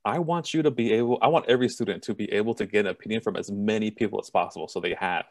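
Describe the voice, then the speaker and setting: A man from Southern California, a college admissions representative, giving an online information session over a video call in a plain, self-described monotone, direct way. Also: on the low side, rapid-fire, creaky, no echo, studio quality.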